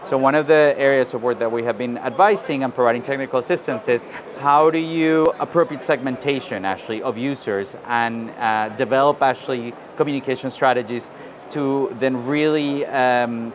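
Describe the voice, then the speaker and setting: A man from South America giving measured interview answers, often adding "you know" and "right?". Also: mid-range voice. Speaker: interviewee, financial inclusion advisor. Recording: outdoor recording with street noise.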